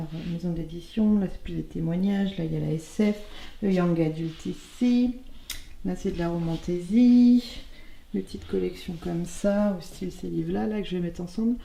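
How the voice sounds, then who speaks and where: Young woman with a low, gravelly voice. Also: warm tone, a little hiss or hum. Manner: chatty and slangy, meandering with many pauses. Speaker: book vlogger. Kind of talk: casual chat while arranging a bookshelf. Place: her apartment, next to a bookshelf.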